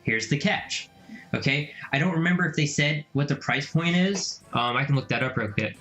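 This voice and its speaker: Excitable young man in an echoey room. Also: a little high, normal speed, dull audio. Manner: animated, jumps into mocking silly voices. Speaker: gaming video host. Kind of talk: excited casual vlog reaction. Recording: echoey room, faint music.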